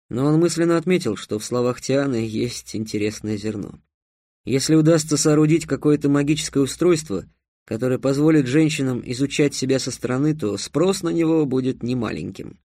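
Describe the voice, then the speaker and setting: A man narrating an audiobook in a steady, wry storytelling manner. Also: on the high side, dry recording, clean studio sound. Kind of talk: scripted narration.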